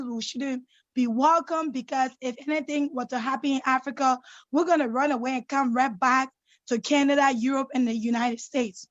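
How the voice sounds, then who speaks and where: A woman's voice: high-pitched, no room sound. A woman from Liberia, joining by video call, speaking insistently and indignantly, tagging her points with "right?". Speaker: caller. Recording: dry, dull lo-fi call audio.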